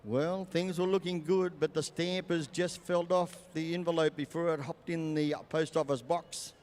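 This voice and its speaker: A high-voiced older Australian man calls a live event as a folksy arena showman. His delivery is clear and resonant, with drawn-out phrases, and rings out over the PA with long reverb. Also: steady tone, darkish tone. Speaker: campdraft commentator and announcer.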